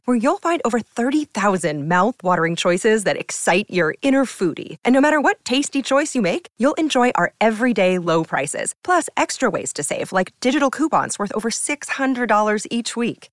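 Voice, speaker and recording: A woman's voice: medium pitch, no room sound. Woman reading a scripted commercial, dry studio sound. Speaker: commercial announcer. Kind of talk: scripted advertisement narration.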